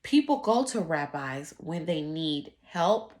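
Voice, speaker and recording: Speaking slowly in a deep, sing-song voice that's a little mellow, a woman teacher reads to children as part of a read-aloud lesson. She addresses them directly, instructing with emphasis.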